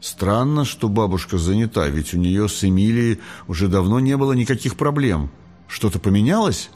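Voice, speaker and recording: A man reading an audiobook, voicing a fiery, rebellious young girl angel who shouts in anger. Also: on the low side, expressive, moderate pace, faint music behind. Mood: puzzled. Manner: shouting in anger, then quiet remorse.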